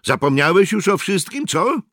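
Mężczyzna czyta, grając młodego żołnierza-donosiciela o wysokim chłopięcym głosie, który bezskutecznie udaje bas. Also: male voice, sing-song, moderate pace, fairly bright tone, no echo, studio quality, full character voice. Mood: angry. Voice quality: high boyish voice straining for bass. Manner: mocking, smug. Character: young male SS informer, boyish, sly.

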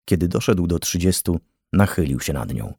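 A man narrating an audiobook thriller with a measured, tense reading. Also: deep voice, sing-song, mellow, breathy edge, no room sound, clean studio sound. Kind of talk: scripted narration.

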